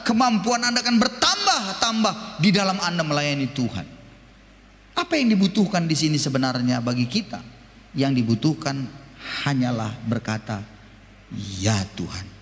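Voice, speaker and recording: A male pastor delivers an animated sermon, talking straight to his congregation. His voice sits high with wide, lively swings in pitch. Long reverb rings through the church hall. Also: moderate pace. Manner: animated preaching, addresses congregation directly.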